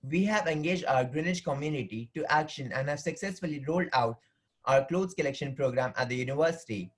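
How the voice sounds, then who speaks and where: A man's voice: fairly high pitch, fairly quick, poor audio. A man who is a student presenter, reading a prepared script for a presentation.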